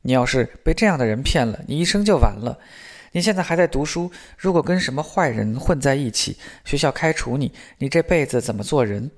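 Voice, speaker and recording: A worried mother lectures her daughter, anxious and reproachful, sighing as she pleads. A man reads her part in a storybook reading, keeping his own middle-pitched voice. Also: lively intonation, brisk. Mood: scolding.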